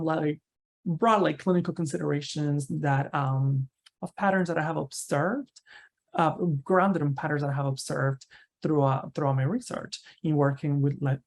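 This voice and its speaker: A man's voice: on the high side, a little mellow. A man from Cuba, a university researcher giving an online seminar talk over a video call in a conversational way, often tagging his sentences with "right?" and restarting phrases.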